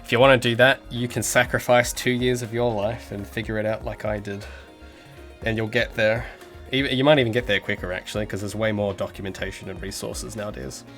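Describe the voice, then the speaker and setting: An Australian man with a slightly American-tinged accent, an indie game developer, chats casually on a livestream, rambling with lots of fillers and restarts. His voice is fairly low and quick, with a fairly bright tone and little pitch movement, and faint music plays behind him.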